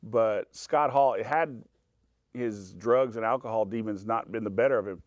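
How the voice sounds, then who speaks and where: A man's voice: on the low side, a little slow, no room sound, lo-fi sound. A man in a casual panel chat, thinking aloud in a reflective way and weighing what-ifs.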